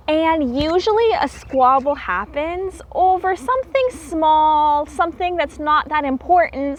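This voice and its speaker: A woman with a high voice reads a story aloud to young children like a teacher, delivering it expressively and explaining things in simple terms.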